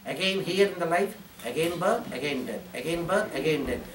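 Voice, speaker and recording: Here a spiritual teacher from India gives a lively sermon, his voice on the high side and his speed normal. He keeps repeating phrases and chanting Sanskrit verses, while background noise, the audience and the echo of a large ashram hall come through a distant microphone.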